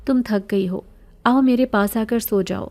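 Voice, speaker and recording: A woman voicing a gentle, soothing mother. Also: fairly high pitch, lightly acted. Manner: calm, reassuring, pious. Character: gentle ailing middle-aged mother, soothing.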